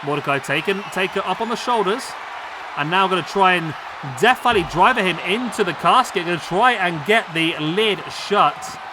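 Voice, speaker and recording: Male gaming commentator, hoarse and excitable, slightly high voice, noisy recording. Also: normal speed, crowd noise. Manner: excitable, bursts of exclamation. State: hoarse, losing his voice. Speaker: gaming YouTuber. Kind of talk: play-by-play commentary over a simulated wrestling match. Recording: clear background noise under voice.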